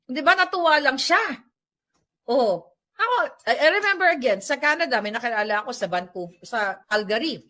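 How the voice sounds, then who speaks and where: A woman's voice: sits high, sharp tone. A woman giving casual, sarcastic vlog commentary at home, ranting animatedly and mixing in English. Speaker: political vlogger. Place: at home while tidying up.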